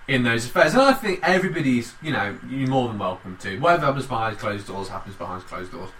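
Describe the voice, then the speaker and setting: A man in casual banter, rambling and animated and swearing often. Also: medium pitch, fast talker, distant mic, slight background noise. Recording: echoey room, off-mic, faint ambience.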